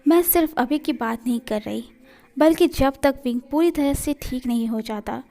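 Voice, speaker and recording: A woman's voice: sits high, normal speed, gravelly, dark tone. A woman voicing a caring but firm mother in a read-aloud fan story. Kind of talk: storytelling in a fan fiction reading.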